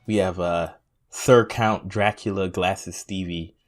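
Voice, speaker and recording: A man's voice: low voice, fairly even intonation, slow. A man co-hosting a casual gaming podcast, goofing around with jokes and silly bits. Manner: goofy, bursts into silly voices and jokes. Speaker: podcast co-host.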